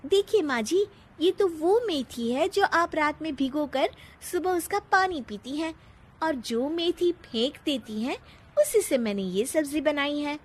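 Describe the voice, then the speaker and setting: A woman's voice: sits high, animated, unhurried, noisy background, voice pushed up. A woman voicing an eager young daughter-in-law in a cartoon family story, polite and proud of her cooking.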